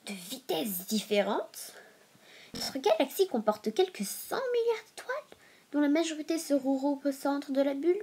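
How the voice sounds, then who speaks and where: A high-pitched, mellow female voice belongs to the host of a relaxed educational video. Congested from a cold, she reads the material aloud and drops into offhand remarks each time she fumbles a long word.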